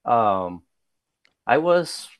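A political candidate in his thirties from South Texas, a native Spanish speaker with a Spanish accent, talks in a podcast interview. He's modest and soft-spoken, hesitant with many fillers and restarts, and his medium-pitched voice is sing-song and very slow. The recording is dry.

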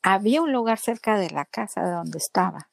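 Woman with a gravelly voice. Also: medium pitch, a little fast, no echo. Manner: animated, acts out other people's words in quotes; earnest, speaks of faith and angels. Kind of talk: personal storytelling in conversation.

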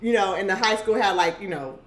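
A woman from Costa Rica talking in an animated, emphatic way, with frequent restarts, in a casual conversation. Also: mid-range voice, brisk.

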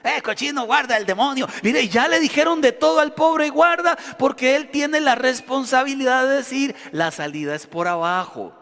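A man preaching a sermon as a pastor, animated and acting out shouting crowds. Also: very high voice, normal speed, gravelly, hardly any pauses. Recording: long hall reverb.

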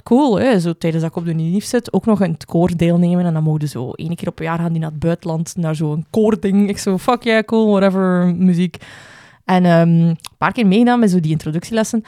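A woman with a Flemish accent and a low alto voice, co-hosting a podcast and telling stories in a lively way, swearing now and then. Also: dry recording, clean studio sound. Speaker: podcast co-host. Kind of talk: casual podcast chat.

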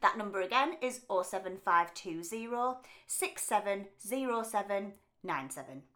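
A woman's voice: medium pitch, lively intonation, moderate pace, sharp tone. Breezy woman hosting a casual podcast. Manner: breezy, jokey. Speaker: podcast host.

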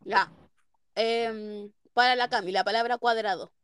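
Young woman, co-host, fairly high voice, skeptical casual chat. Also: fairly even intonation, unhurried, a bit bright, clean tone. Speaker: podcast co-host. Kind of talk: casual chat among friends.

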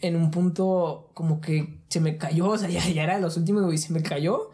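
A man's voice: on the high side, steady tone, normal speed, mellow. A man with a Mexican accent casually telling a story from his childhood in slangy, rambling chat, dropping fillers into every phrase.

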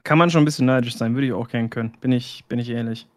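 A man's voice: medium pitch, fast, no echo, clean studio sound. A man who commentates esports, chatting casually and a little hesitantly. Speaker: esports caster. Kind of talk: casual podcast chat.

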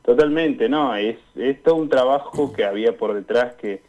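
Phoning in to a radio program, this young Argentine guy answers the interview in a casual, halting way, often groping for the right word. His mid-range voice is a bit dark and moves at a moderate pace, carried over muffled, low-fidelity call audio.

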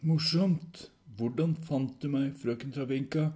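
A man's voice: mid-range voice, a little mellow, voice pushed up, close to an everyday voice. A man voicing a sarcastic, insistent young man in an audiobook story.

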